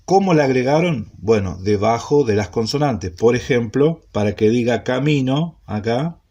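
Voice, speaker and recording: A man teaching an introductory Hebrew class, speaking slowly and repeating points, often checking in with a questioning "¿sí?". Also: mid-range voice, a little mellow. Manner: slow, repetitive, checks in with frequent "¿sí?". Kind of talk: classroom lecture.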